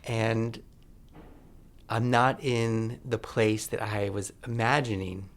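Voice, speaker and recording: A man in his forties, a film director talking as a podcast guest, thoughtful and searching, with pauses and restarts. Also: lowish voice, little pitch movement. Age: 40s. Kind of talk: reflective conversation.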